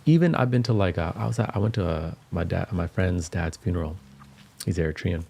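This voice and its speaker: Deep gravelly laid-back male stream host. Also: brisk, a little mellow. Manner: laid-back, slangy, chatty. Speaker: livestream music host. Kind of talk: casual livestream chat over music. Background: music playing.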